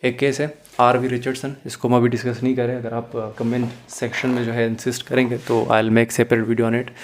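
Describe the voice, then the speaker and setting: Lecturing on law, the teacher mixes English into Hindi-Urdu and keeps checking that everyone understands, explaining things step by step. His medium-pitched voice holds a level tone at normal speed, with slight background noise behind him.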